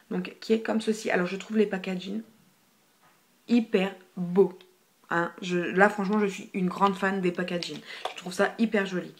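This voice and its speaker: A young woman chatting casually through a makeup haul, full of fillers and repeated words, sometimes dropping almost to a whisper, filmed on a phone. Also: medium pitch. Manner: chatty, filler-heavy, repeats hyper, drops to near whispers. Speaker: beauty vlogger. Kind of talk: casual product haul review. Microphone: phone camera.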